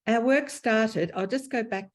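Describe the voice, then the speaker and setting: An Australian woman, a teacher educator, giving a measured, slightly formal conference presentation over a video call. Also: fairly high pitch.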